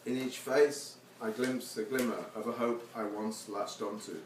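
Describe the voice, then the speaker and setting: This poet has a lowish voice with fairly even intonation and speaks a little slowly as he reads his own work to a seated audience. He introduces poems informally and jokes wryly at his own expense. Echo and noise fill the distant recording.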